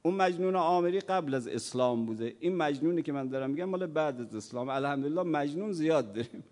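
A man delivers a sermon in a large hall, his fairly high voice carried by a long reverb. He tells stories, voicing their characters in dialogue. He moves between quiet narration and loud, impassioned preaching. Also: lively intonation. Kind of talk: sermon with storytelling.

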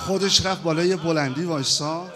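A male preacher reciting a mourning sermon, lamenting and sighing, moving between hushed grief and loud wailing. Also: a little high, a little hiss or hum.

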